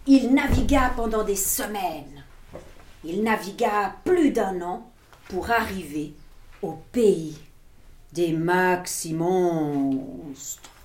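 A woman reading a picture book aloud to children in an animated way, with playful asides to her listeners. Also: on the low side, very slow. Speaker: storyteller. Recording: echoey room, faint noise.

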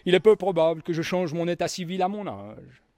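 A man's voice: high-pitched, lively intonation, brisk, a little mellow, no room sound, studio quality, voice pushed up. A man voicing a polite, fussy elderly detective in a storybook reading, grave and courteous.

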